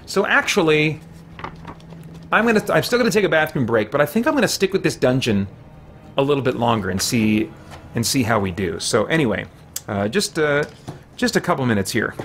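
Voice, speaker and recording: Streaming games from a small home room, this middle-aged man talks off the cuff and muses out loud to his audience. He speaks a little fast in a sing-song, mid-range voice with a fairly bright tone, and faint hiss or hum is audible.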